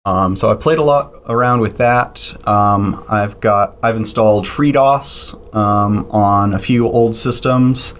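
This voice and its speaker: Man explaining software builds in detail. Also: on the low side, slow, hardly any pauses, a little hiss or hum. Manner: detailed, explanatory, frequent ums and restarts. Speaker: podcast guest. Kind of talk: casual technical interview.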